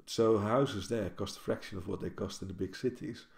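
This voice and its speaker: Speaking at a moderate pace in a darkish, low-leaning voice, this man rambles through a casual talking-head vlog, often restarting and correcting himself. He is a university librarian from the Netherlands and a native Dutch speaker, filmed indoors in his kitchen. The audio comes from a built-in camera mic at desk distance, with noticeable kitchen echo.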